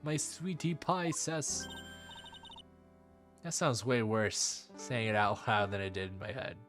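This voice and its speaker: A man's voice: lowish voice, moderate pace, fairly bright tone, faint music behind. A man streaming a game and reading its dialogue aloud in a casual way, with joking asides.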